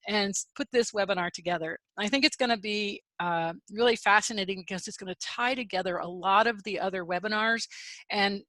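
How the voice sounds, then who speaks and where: A woman hosts a webinar and introduces her guest in a chatty, enthusiastic, slightly rambling way. Her voice is bright and forward. The sound is very dry, as on a video call. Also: mid-range voice, brisk, no room sound. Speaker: webinar host.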